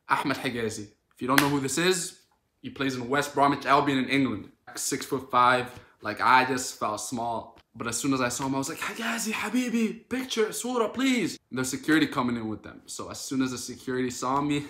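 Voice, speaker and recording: A young man from Canada telling an animated, dramatic storytime in a casual vlog. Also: mid-range voice, roomy sound. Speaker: social media creator.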